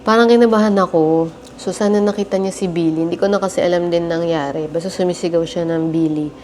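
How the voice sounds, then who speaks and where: A woman's voice: on the low side, fairly even intonation, quick pace, darkish tone. A woman filming a family travel vlog, narrating casually to camera and chatting with her viewers as she shows a hotel laundry room and a convenience store. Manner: chatty, keeps addressing viewers as guys. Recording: noisy handheld vlog audio.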